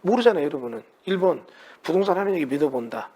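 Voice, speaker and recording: Male lecturer, high voice, lively, conversational, rhetorical questions. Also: quick pace, slightly rough. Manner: conversational, keeps asking the class rhetorical questions. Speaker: real estate lecturer. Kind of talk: classroom lecture.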